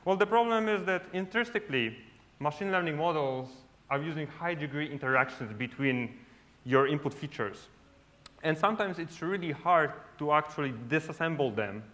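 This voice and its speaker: Polish by birth and first language, this conference speaker chats casually from a large lit stage, often tagging sentences with "right?". His voice sits on the high side and sounds a bit bright.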